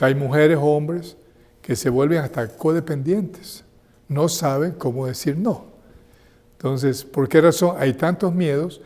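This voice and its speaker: A man's voice: on the high side, mellow. Man presenting in a reverberant hall. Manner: conversational, checks in with frequent tag questions. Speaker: seminar presenter. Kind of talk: health seminar talk. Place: seminar room.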